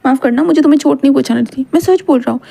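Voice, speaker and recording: A woman's voice: sits high, very fast, vocal fry, dark tone. A woman voicing a clingy, possessive young male angel who pleads and whines through tears. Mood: insistent. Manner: pleading, whiny, breaking into sobs.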